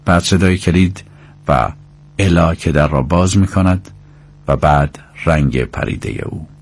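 A man narrating an audiobook in a measured, descriptive way. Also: deep voice.

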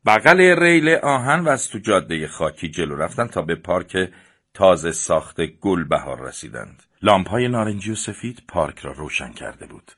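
A man narrating a story as an audiobook. He reads plainly and raises his voice for the characters' lines. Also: expressive. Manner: reads plainly and shifts up in pitch and loudness for the characters. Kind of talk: audiobook narration voicing the dialogue.

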